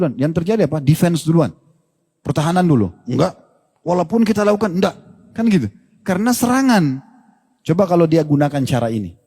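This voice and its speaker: A man preaches in an animated, conversational way, voice somewhat high and husky. His words ring out with a long hall echo around them. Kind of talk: sermon.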